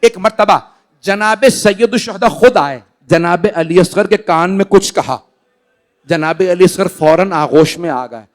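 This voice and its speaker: A male cleric with a Pakistani Urdu accent gives a Muharram mourning sermon in a large indoor hall, reciting tragic episodes in a slow, lamenting way. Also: sits high.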